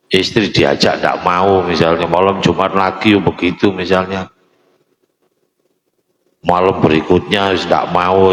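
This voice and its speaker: Older javanese-accented preacher, deep and slow, chatty sermon in an echoey mosque hall. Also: male voice. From Indonesia. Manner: mixes Arabic recitation with chatty asides.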